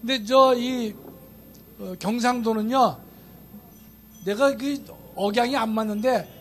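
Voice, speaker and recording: A man's voice: extremely high pitch, slow, a bit bright, a little hiss or hum. A man, a law professor, speaking at an outdoor political rally, chatty and joking, then emphatic. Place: outdoor rally in a station square.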